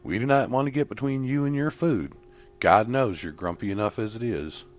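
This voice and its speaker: A man voicing a chatty, warm woman friend in a spooky short story, reading her lines with a lift. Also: medium pitch, moderate pace, faint music behind, voice pushed up, natural voice.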